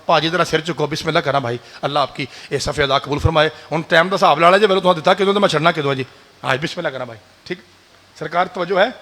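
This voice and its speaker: A man preaching a sermon, fiery and addressing the crowd directly, rising to shouts. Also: fairly high pitch. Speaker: preacher at a religious gathering. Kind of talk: sermon with call-and-response. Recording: long hall reverb.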